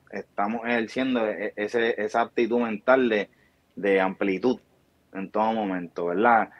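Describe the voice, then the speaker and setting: A man's voice: on the low side, no echo. Emphatic Puerto Rican man, muffled call. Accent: Puerto Rican Spanish. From Puerto Rico. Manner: emphatic, preachy, gestures with hands. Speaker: barbershop founder, guest. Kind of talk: motivational interview talk. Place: small indoor room. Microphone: video call webcam. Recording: dull lo-fi video call audio.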